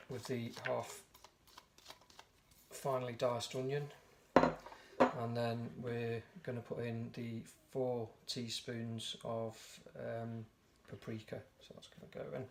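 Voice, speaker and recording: A home cook with a hoarse, croaky voice walks through a recipe step by step, relaxed and chatty, often correcting himself mid-sentence. His pitch is medium and he takes it slowly. It's a noisy home video recording.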